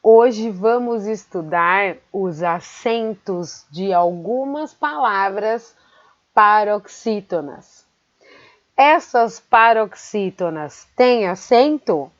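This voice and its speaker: A woman teaching a grammar lesson, speaking slowly and carefully and repeating words syllable by syllable. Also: medium pitch, lively intonation, no room sound. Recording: dry, dull lo-fi sound.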